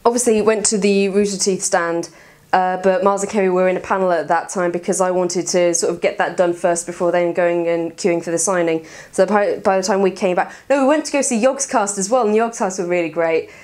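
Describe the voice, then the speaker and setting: Hoarse, excitable woman vlogger. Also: lowish voice, fairly quick. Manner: rambling, excitable, swears freely, laughs often. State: hoarse, tired voice. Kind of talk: casual chat.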